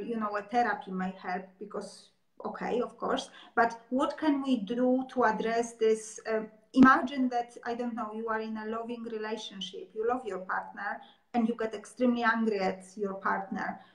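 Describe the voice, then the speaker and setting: Give a woman interviewer with a slightly high voice who works her way through long questions, hesitating and circling back as she goes. Her voice carries the echo of a roomy space. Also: steady tone, moderate pace. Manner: searching, hesitant questions with fillers. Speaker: interview host. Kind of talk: conversational interview. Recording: echoey room.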